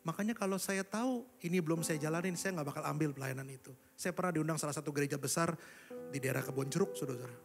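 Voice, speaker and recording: A young preacher, voice on the higher side, delivers a lively sermon. He swings from loud exclamations to quiet asides aimed at the congregation. Recorded live in a large church hall with a long reverb and soft instrumental music underneath. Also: rapid-fire.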